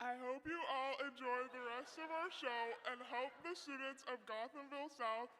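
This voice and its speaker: A teenage girl speaking after breathing sulfur hexafluoride, reading slowly with a stumble. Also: steady tone, pushed and bright, poor audio. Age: late teens. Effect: sulfur hexafluoride-lowered voice.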